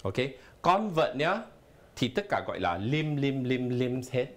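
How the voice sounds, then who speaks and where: A man's voice: mid-range voice, sing-song, unhurried. A man teaching a live televised language lesson in a studio, explaining patiently and spelling words out letter by letter. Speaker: English teacher.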